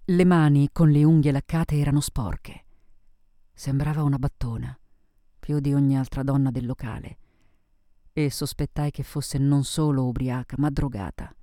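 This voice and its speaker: A man narrating a novel in the first person with a measured reading manner. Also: fairly high pitch, dark tone, dry recording, studio quality. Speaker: audiobook narrator. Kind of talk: scripted narration.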